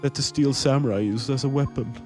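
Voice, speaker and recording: Man voicing a sheepish actor, hesitant, earnest, mid pitch, clear background music. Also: a little fast, darkish tone, natural voice. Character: mild, sheepish male actor suspect. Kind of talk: fan dub of a video game.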